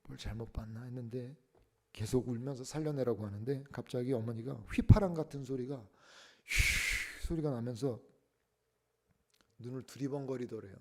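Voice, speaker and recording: A male pastor preaching a sermon, telling a story that swings between hushed tones and loud outbursts. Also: mid-range voice, normal speed. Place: church sanctuary.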